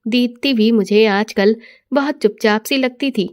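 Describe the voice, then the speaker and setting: A woman tells a first-person family story in a steady, expressive way. Her voice is a little higher than most. She keeps an even storytelling pace. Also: unhurried, smooth. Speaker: narrator.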